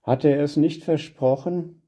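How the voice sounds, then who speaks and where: A man's voice: a little high, steady tone, unhurried, mellow. A man voicing a worried, tearful mother who frets plaintively, in a dull lo-fi storybook reading. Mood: fretting. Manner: plaintive, fretting.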